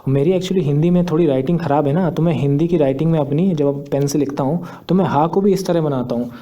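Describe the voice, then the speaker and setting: In a screen tutorial, a young teacher with a slightly high, dark-toned voice explains each step patiently. He makes a habit of repeating his points.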